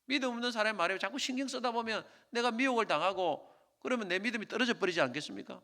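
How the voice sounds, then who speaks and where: Man, pastor, sermon, fairly high voice, bright tone, swings between loud and hushed. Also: fast talker. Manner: preaching with big swings between loud exhortation and quiet pleading.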